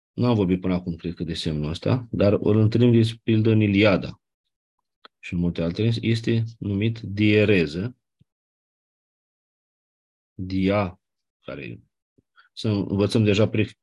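A man lectures on Ancient Greek grammar step by step, often asking "nu?" and "da?" to make sure his students follow. His voice is lowish, a little mellow and slightly rough.

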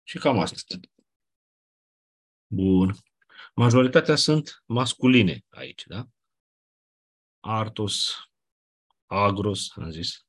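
A man teaching a class, explaining step by step and often checking with quick questions. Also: fairly low pitch, animated, husky. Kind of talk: classroom lecture.

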